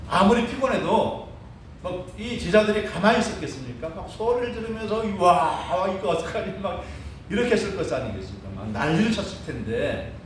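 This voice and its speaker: A male pastor preaching a lively sermon, full of rhetorical asides and acted-out cries. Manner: animated preaching, frequent rhetorical "어?" asides, acts out quoted cries. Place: church sanctuary. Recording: echoey church hall, mic at a distance, faint rumble.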